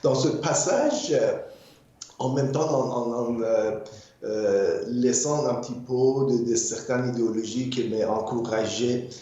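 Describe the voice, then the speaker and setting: A man's voice: mid-range voice, unhurried, dark tone. Hesitant older man, echoey muffled room. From Iran. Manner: hesitant, many fillers and repeated words. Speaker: guest artist. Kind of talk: interview conversation.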